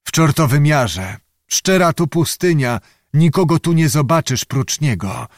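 A man's voice: a little high, animated, unhurried, no echo, clean studio sound. A man voicing a bold, cheeky young giantess witch who talks in a coaxing, folksy way.

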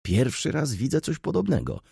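A man's voice: medium pitch, huge pitch swings, moderate pace, creaky, warm tone, breathy edge, no echo, pitched above the performer's own voice, exaggerated voice. A man voicing a lawyer in an audiobook, making dry, sardonic asides. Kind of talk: audiobook reading.

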